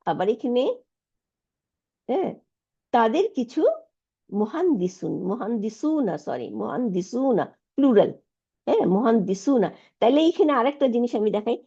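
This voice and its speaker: Gravelly-voiced woman teaching Arabic grammar. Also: fairly high pitch, darkish tone. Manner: explains step by step, mixing in English terms. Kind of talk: online lecture explaining grammar. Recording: dull lo-fi recording.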